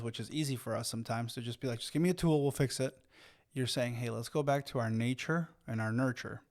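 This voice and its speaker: A man in his thirties from Mexico, co-hosting a podcast and telling a long personal story with many fillers and restarts. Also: mid-range voice. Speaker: podcast co-host. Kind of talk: casual storytelling chat.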